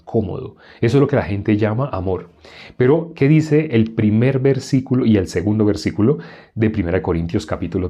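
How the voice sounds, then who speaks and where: A man preaching a sermon, teaching from the Bible with rhetorical questions and quoting scripture in a quieter, lower voice.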